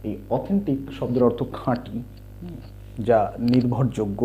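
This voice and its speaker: A man teaching English letter sounds, spelling words out and repeating the sounds slowly. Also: mid-range voice, dark tone, a little hiss or hum. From India. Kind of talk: slow explanatory lesson. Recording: dull lo-fi home recording.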